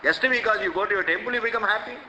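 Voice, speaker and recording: A man's voice: high-pitched, racing, sharp tone, slight background noise. An older man with an Indian accent giving a spiritual discourse, emphatic and repetitive, full of rhetorical questions, recorded in an echoey hall. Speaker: swami teaching scripture.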